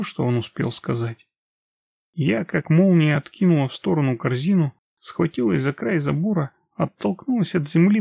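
A male audiobook narrator with a strongly gravelly, husky voice, reading an action story in a steady, measured way. The sound is dry and close, with no room at all. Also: fairly high pitch, dry recording. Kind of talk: first-person action narration.

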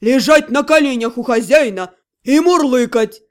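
A woman voicing a furious, capricious male high demon who bellows and shouts at people. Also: moderate pace, lightly acted. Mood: roaring.

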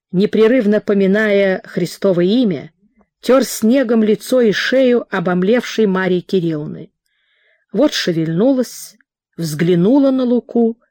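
A woman narrates a story with measured, dramatic pacing. Her pitch sits in the middle range, and she takes her time over each phrase. The recording is close and dry. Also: dark tone, no echo. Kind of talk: audiobook reading.

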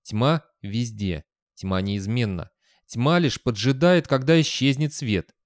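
A man narrating an audiobook in an even, measured storytelling manner. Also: mid-range voice, no room sound, studio quality.

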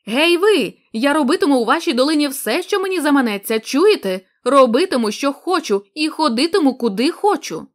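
Brief: woman reader playing a cornered young man, shouting defiance that cracks with strain; audiobook. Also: high-pitched, big pitch swings, a little fast, few pauses, voice pushed up. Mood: defiant. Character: desperate young man cornered by blind villagers.

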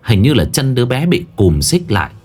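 A man's voice: medium pitch, very animated, fairly quick, a little mellow, breathy edge, faint music behind. A man narrating a horror story with dramatic, suspenseful delivery.

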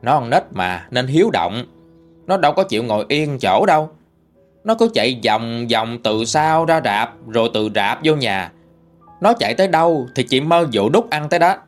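Man telling a ghost story, lively voice. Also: medium pitch, normal speed, faint music behind. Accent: Southern Vietnamese. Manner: chatty, conversational storytelling.

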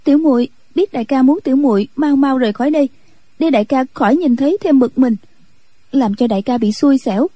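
A woman's voice: warm tone, husky, no room sound. Tearful young nun, as a woman reads her. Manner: higher, pleading, rushed voice. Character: young timid gentle nun, tearful and anxious.

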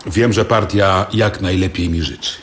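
An actor playing a weary, submissive Soviet composer, narrating a radio drama in the first person with a subdued, measured delivery. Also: male voice, low-pitched, fairly even intonation, a bit bright, slight background noise. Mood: resigned.

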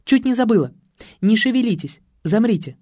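A man's voice: expressive, normal speed, a little mellow, no echo, clean studio sound. A man putting on a chirpy fussy woman. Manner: high, chirpy, fussing.

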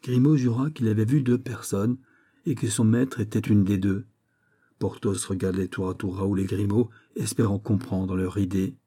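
Guy reading a classic novel aloud, steady pace, husky low voice. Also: normal speed. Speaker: audiobook narrator. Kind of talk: scripted narration.

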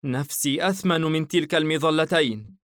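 A man's voice: fairly high pitch, normal speed, fairly bright tone, no room sound, clean studio sound, voice pushed up, natural voice. A man voicing a small, shy and polite young woman who helps in a shop, timid and anxious.

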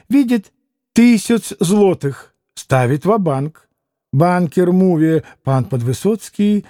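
Guy putting on a stuck-up polish nobleman, polish accent, slow haughty drawl. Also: fairly high pitch, mellow, no echo, clean studio sound. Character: proud middle-aged Polish nobleman, haughty.

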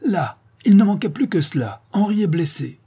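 A man voicing a gruff, short-tempered old general in a story reading, raising his pitch as he blusters. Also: animated, warm tone. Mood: angry. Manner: blustering, quick to anger.

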